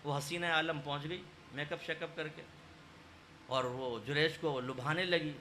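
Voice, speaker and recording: A man's voice: on the high side, fairly even intonation, pushed and bright, slight background noise. A man giving a sermon as a religious scholar, telling a story and acting out the quoted voices, with emphatic, rising stresses.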